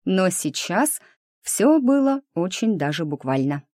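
A woman narrating a first-person audiobook in a lively, ironic storytelling manner. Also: lowish voice, measured pace, no room sound, clean studio sound.

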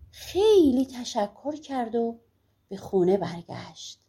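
A woman narrating folk tales for an audiobook in a calm, measured way. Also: sits high. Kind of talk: scripted storybook narration.

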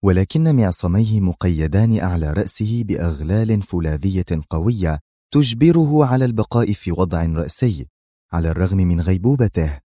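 Deep-ish mellow guy reading a thriller audiobook, dry close sound. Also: dry recording. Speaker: narrator. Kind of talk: audiobook narration.

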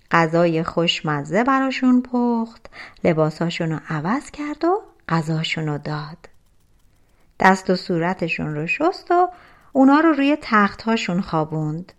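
A woman narrating a folk-tale audiobook with gentle, even storytelling. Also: mid-range voice.

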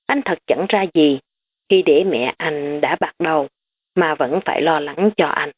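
A woman narrating a family drama audiobook in a measured reading. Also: low-pitched. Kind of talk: scripted story narration. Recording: tinny phone-like recording.

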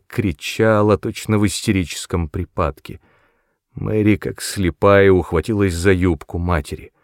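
A man giving an expressive, measured narration of a novel as an audiobook reader. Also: deep voice, no room sound, clean studio sound. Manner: measured, dramatic reading.

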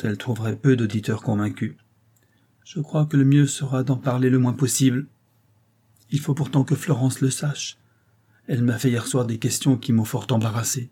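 A man reading the part of a calm, grave young doctor who questions slowly and deliberately. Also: mid-range voice, slightly rough, natural voice. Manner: slow, measured questioning.

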